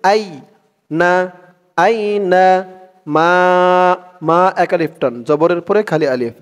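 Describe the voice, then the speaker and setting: A man teaching Quran recitation who chants verses slowly and drawn out, then breaks off to explain pronunciation rules in quick speech. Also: high voice, a little mellow. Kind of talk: tajweed lesson, slow chanted recitation with quick spoken explanations. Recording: long hall reverb.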